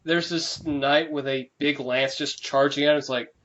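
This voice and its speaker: Laughing, swearing young podcast co-host. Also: male voice, a little high, fairly even intonation, normal speed, fairly bright tone. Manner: laughs often, swears casually, rambling fillers. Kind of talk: casual chat. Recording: slightly dull lo-fi recording with faint noise.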